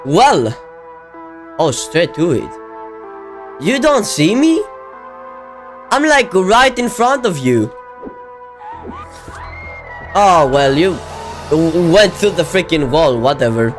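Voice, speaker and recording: Young male gamer, slow-talking but lively, shouts at the game, faint music behind. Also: a little high. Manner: excitable, yelling and laughing at the game. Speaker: gaming video creator. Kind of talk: casual let's-play commentary.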